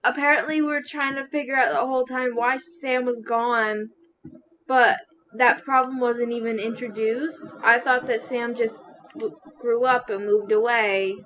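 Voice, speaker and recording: A woman's voice: a little high, fairly even intonation, measured pace, a bit bright, a little hiss or hum. A young adult woman chatting casually about a video game as a co-host. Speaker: gameplay co-host.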